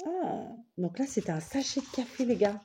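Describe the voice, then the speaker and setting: A slightly high, very animated, dark-toned woman from France speaks at normal speed, with a little hiss or hum. Showing a craft-paper parcel she got by mail, she unboxes casually for her viewers, thinking aloud, restarting, trailing off and gushing about loving every piece.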